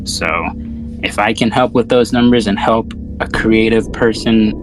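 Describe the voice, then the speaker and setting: A podcast host with a fairly low, level voice talks a little slowly about films over music, and the audio is poor. His casual film chat is slangy, sweary, and rambling.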